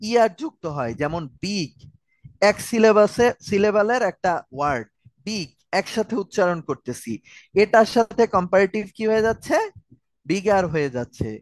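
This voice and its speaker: A man's voice: high-pitched, no echo, poor audio. Man teaching grammar, dry sound. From Bangladesh. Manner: explains step by step, asks and answers his own questions; answers viewer questions live. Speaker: grammar tutor. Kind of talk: online lecture explaining English grammar.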